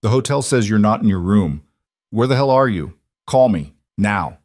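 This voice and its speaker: Curt commanding crime boss read by a man, low voice, dry sound. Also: animated, normal speed, darkish tone, no echo. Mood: urgent worried. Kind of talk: audiobook character reading.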